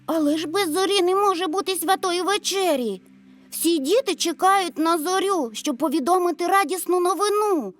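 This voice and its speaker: Woman doing a little boy voice, high and eager, bouncy, soft music behind. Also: expressive, unhurried. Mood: eager earnest. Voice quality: bright, eager. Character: young boy, eager and brave.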